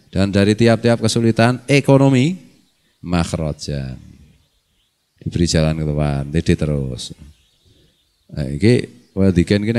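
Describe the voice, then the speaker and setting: A man's voice: low voice, darkish tone. A middle-aged man with a Javanese accent gives a casual religious lecture, joking and laughing as he teaches and recites Arabic. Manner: jokey, laughs often, mixes local and Arabic phrases. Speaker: Islamic scholar teaching a study circle.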